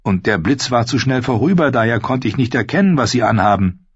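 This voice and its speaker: A man's voice: mid-range voice, lively intonation, breathy edge, no echo, muffled recording, pitched above the performer's own voice. Man reading a grim, solemn boy. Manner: grave and measured, near the reader's own voice.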